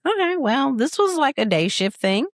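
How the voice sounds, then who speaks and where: A young woman co-hosting a podcast as a nurse, telling stories in a playful, animated way and acting out scenes. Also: sits high, normal speed, dry recording, studio quality. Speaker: podcast co-host, nurse practitioner. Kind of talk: casual storytelling chat.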